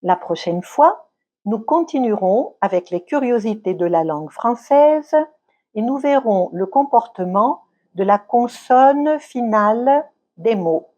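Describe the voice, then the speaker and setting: A woman teaching in a slow, carefully enunciated lesson. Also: fairly high pitch, lively intonation, mellow, highs cut off. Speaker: French teacher.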